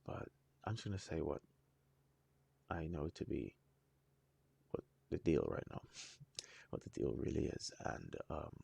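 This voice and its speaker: A man with a low, dark voice and a husky edge hosts a casual reaction video. He thinks out loud in halting, rambling sentences, circling back and restarting as he goes. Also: very animated, no room sound. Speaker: music reaction channel host.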